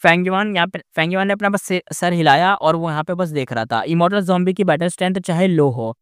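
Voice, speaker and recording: A man's voice: high voice, quick pace, fairly bright tone, clean tone, no echo, clean studio sound. A man recapping a fantasy novel in casual narration, rambling with frequent fillers and restarts.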